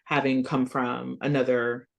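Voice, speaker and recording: Guesting on a laid-back podcast interview, this US coach and founder comes across as animated and earnest, with plenty of "like" and "you know." She has a very deep, gravelly voice and an unhurried pace, though she speeds up in emphatic bursts.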